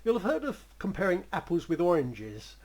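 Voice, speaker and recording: A man talks through a creative writing exercise in a loose, rambling way and chuckles as he goes. His voice is husky and sits fairly high for a man. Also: huge pitch swings, moderate pace, darkish tone, poor audio. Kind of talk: spoken writing lesson.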